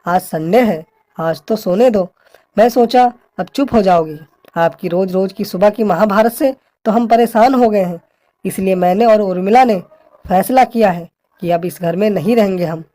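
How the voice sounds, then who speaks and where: A woman's voice: mid-range voice, moderate pace, dark tone, natural voice. Woman voicing a fed-up grown son. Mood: exasperated. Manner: firm, exasperated.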